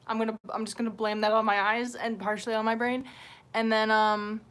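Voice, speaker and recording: In a level, slightly bright tone, a woman with a fairly high voice talks a little fast on her casual livestream. Rambling and self-deprecating, she swears freely; she's indoors at home, window open, in a noisy room.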